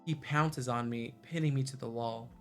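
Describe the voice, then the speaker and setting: Over game music, a man streams a visual novel, voicing its narration and reacting as he goes. His voice is medium in pitch and he speaks at a normal speed.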